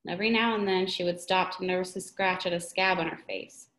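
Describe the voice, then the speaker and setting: A woman's voice: fairly low pitch, fairly even intonation, fairly quick, a bit bright. Woman reading a story aloud, echoey room. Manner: reads with small slips and restarts.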